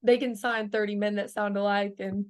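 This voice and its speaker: With a mid-range, darkish voice and little pitch movement, she talks at a moderate pace. The speaker is a bubbly country singer in her early twenties, chatting casually in an interview, often laughing and filling gaps with "like."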